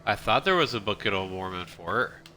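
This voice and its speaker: Man, game streamer, casual rambling commentary, self-interrupting, very bright tense voice, faint background hiss. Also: fairly low pitch, sing-song, normal speed.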